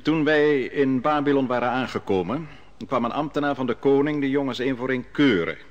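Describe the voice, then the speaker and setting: This 1950s Dutch radio drama features a male actor as a narrating prophet, a grown exile who solemnly recounts his youth at a foreign king's court. His medium-pitched voice sounds natural, the audio is dull, and the storytelling is measured and solemn.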